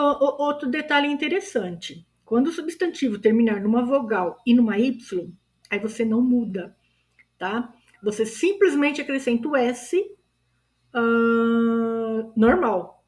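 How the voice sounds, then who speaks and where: A woman with a Brazilian accent teaches English grammar at an unhurried pace. Her voice sits a little high, and she draws out each English example word. She keeps checking in with her learners. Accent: Brazilian Portuguese. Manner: drawn-out English example words, frequent check-ins like "tá?" and "ok?". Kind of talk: explaining English grammar to Portuguese-speaking learners.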